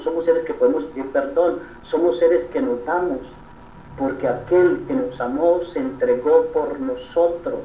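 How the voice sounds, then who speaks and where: A priest preaches with earnest conviction, pausing often to check in with his listeners. His fairly high voice is picked up from a distance in a reverberant space. The recording sounds slightly dull, with faint noise behind it. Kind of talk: sermon.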